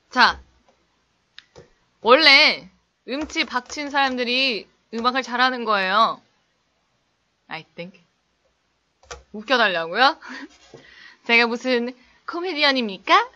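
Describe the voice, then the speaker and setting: A woman's voice: animated, slow, pauses often, sharp tone. A young woman teaching English on a casual live stream, reading viewer chat and playfully acting out skits with laughter. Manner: playful, laughing, acts out little skits in exaggerated high voices.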